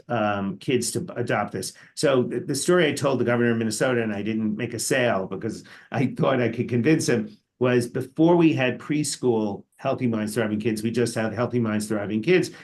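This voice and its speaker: Older New grandfather telling a story. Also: mid-range voice. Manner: anecdotal, chatty, with fillers and restarts. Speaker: panelist. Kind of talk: storytelling on a panel.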